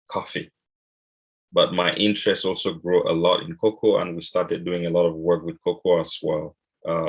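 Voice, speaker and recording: A man from Cameroon speaking on an online panel, measured and pausing often with "uh". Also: low voice, slightly rough. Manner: measured, with frequent "uh" pauses. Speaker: cocoa and coffee exporter.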